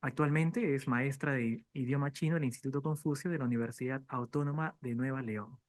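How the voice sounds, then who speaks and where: A man moderates a conference, reading out speaker introductions in a formal tone. He moves fast through the bios in a mid-range voice. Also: mid-range voice, steady tone, a little mellow. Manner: brisk, reads bios formally.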